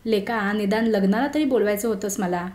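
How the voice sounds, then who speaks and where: A woman's voice: medium pitch, fairly quick, a little mellow, lightly acted. A woman doing an earnest young friend. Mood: friendly. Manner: grave, earnest warnings. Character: earnest young man, old college friend, serious. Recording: roomy echo.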